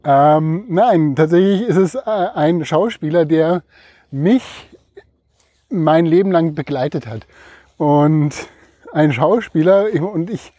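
A middle-aged man co-hosting a casual podcast, telling stories haltingly as he talks while running outdoors. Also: a little high, mellow, no echo. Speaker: podcast co-host. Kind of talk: casual storytelling chat. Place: outdoors, on the move.

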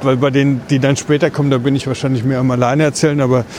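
A man co-hosting a casual podcast, presenting a topic in a halting way while walking outdoors in the city. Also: medium pitch, flat delivery. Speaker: podcast co-host. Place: outdoors on a city street along a tram line. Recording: clear street and vehicle noise behind.

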